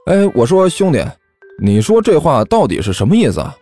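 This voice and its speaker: A man voicing a cheeky male student who loudly plays innocent and protests. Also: high-pitched, wildly swooping pitch, moderate pace, faint music behind, voice pushed up, heavily acted. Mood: indignant.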